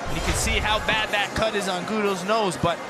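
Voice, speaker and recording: A man's voice: high-pitched, steady tone, a little fast, over loud music. A man giving live kickboxing analysis as a color commentator, breaking down technique emphatically. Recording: loud arena crowd noise behind. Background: noisy arena crowd.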